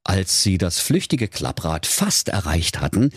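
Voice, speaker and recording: A man's voice: low-pitched, big pitch swings, a little slow, husky, no echo, studio quality. A man narrating a comic fairy tale for children in a playful, mock-dramatic way, addressing the kids directly. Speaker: storyteller.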